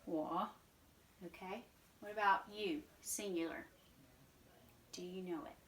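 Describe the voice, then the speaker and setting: Slow, patient woman teaching at home. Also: mid-range voice, steady tone, fairly bright tone, slight background noise. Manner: patient, slow and repetitive, drills words aloud. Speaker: Mandarin teacher. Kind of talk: informal online language lesson. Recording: echoey room, voice a bit far from mic.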